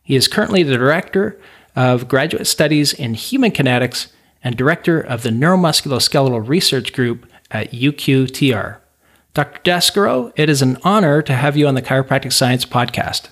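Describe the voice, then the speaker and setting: A man hosting a podcast, reading a formal introduction and then asking the guest questions with warm encouragement. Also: mid-range voice, brisk. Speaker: podcast host. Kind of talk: scripted introduction and interview questions.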